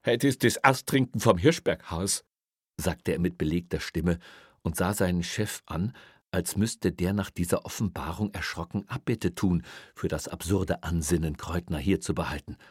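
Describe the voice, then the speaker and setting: Deep, husky male audiobook narrator. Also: normal speed, a little mellow, dry recording, studio quality. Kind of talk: scripted narration.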